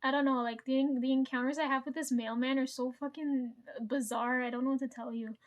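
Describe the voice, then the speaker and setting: A vlogger with a high, bright voice speaks briskly and with fairly even intonation, telling a rambling story straight to camera in casual chat. She swears freely, laughs frequently and keeps checking in with those watching.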